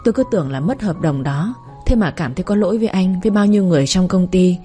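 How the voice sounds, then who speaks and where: A woman reading a first-person story in a calm, even way, over faint music. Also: on the low side, fast talker. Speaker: narrator.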